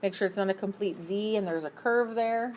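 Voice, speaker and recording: A woman teaching a math class, brisk and upbeat, asking her students questions as she works through problems. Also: mid-range voice, darkish tone, slight background noise. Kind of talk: classroom lesson.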